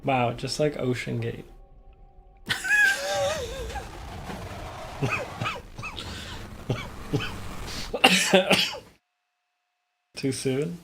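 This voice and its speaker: Teasing gravelly man, co-hosting a stream. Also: mid-range voice, fairly even intonation, moderate pace, over music. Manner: teasing, needling banter. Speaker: let's play co-host. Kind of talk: casual game commentary.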